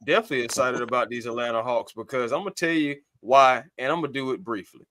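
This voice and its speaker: A man's voice: mid-range voice, quick pace, sharp tone, slight background noise. A man hosting a casual sports talk livestream from a home mic on a video call, upbeat as he closes out the show and gives his predictions. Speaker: podcast host.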